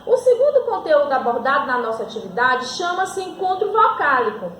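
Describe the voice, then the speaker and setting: A school teacher's bright, high, sing-song voice moves at a fairly quick clip through a recorded grammar lesson in an echoey room. With her Brazilian Portuguese accent, she questions herself, supplies the answers, and elongates example words.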